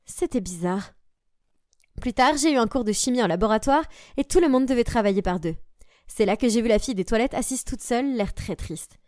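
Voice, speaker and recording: A young woman narrating a story aloud in an animated, expressive way. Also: fairly high pitch, fairly quick, no room sound, clean studio sound.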